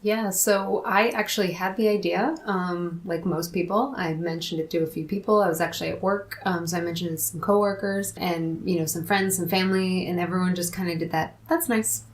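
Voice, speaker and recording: A woman in her thirties, a podcast guest explaining her work clearly with a few fillers. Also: lowish voice, steady tone, a little fast, few pauses. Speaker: guest, company founder. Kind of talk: casual interview.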